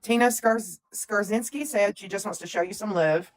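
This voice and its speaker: A woman's voice: mid-range voice, normal speed. A woman, chatting casually as a livestream co-host and reading out where viewers are from. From Tennessee, USA. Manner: chatty, reads out viewer comments.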